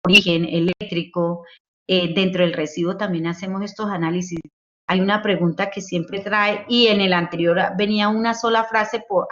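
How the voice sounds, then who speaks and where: Woman teacher, patient step-by-step explainer with frequent fillers; slightly muffled recording. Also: on the low side. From Colombia. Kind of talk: presenting a classroom project.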